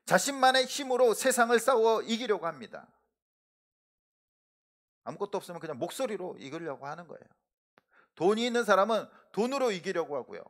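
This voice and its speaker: A middle-aged male pastor preaching in a church sanctuary. His voice sits fairly high and rises and falls a great deal, climbing hard on key words and trailing softly at the ends of sentences. The delivery is earnest and emphatic. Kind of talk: sermon.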